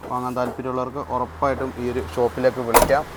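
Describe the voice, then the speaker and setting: Quick Kerala man hosting a car vlog. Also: medium pitch, flat delivery, noisy background. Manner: mixes English words into Malayalam; repeats the other speaker's key points. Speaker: vlog host. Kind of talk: casual car showroom vlog presenting.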